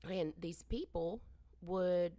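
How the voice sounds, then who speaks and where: Rambling woman podcaster, low-pitched. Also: slow, mellow, no room sound. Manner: rambling, self-interrupting, trails off. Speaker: podcast co-host. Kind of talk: casual chat, storytelling. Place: basement room used as bar and storage.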